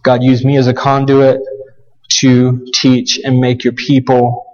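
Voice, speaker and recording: Speaking as a visiting preacher in a church sanctuary, a man gives his sermon humbly and informally, restarting sentences as he goes. His mid-range voice is monotone, darkish and measured, scratchy with a cough, and it comes through muffled.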